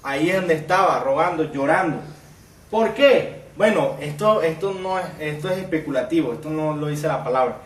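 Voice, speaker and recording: A man's voice: on the high side, moderate pace, echoey room, far from the mic. A man preaching a sermon as pastor, reading scripture aloud with rising emphasis and asking the congregation rhetorical questions. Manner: asks the congregation rhetorical questions and calls them brother.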